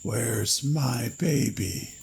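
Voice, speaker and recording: A man voicing a drowned male cadaver creature that whispers hoarsely and breaks into shrill screams. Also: very slow, a little mellow, a little hiss or hum. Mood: hissing.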